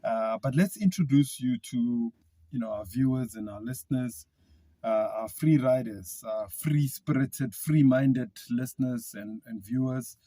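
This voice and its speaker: A man's voice: mid-range voice, unhurried, dry recording. Upbeat podcast host man, dry sound. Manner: upbeat, laughs often, enthusiastic shout-outs. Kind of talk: casual podcast chat. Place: inside a parked classic car.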